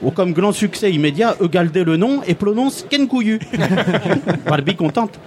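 A man's voice: sits high, expressive, normal speed, darkish tone, slight background noise. A man doing a cheerful foreigner with broken French and a fake accent. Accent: put-on foreign accent. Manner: broken French, dropped verbs and articles. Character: cheerful naive male refugee from a made-up Balkan land. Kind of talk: comic radio character sketch.

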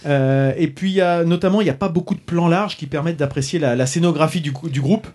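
A fairly high-voiced man, chatty host. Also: fast, a little mellow. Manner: hesitant, many restarts and fillers. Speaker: podcast host reviewing a concert box set. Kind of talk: casual chat. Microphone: studio microphone.

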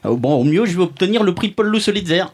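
A man's voice: high voice, lively intonation, fast, a little mellow. Male performer as a pompous, sardonic podcast columnist, mock-serious comic roast. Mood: smug, mocking. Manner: mock-pompous, sardonic, chuckling at own jokes.

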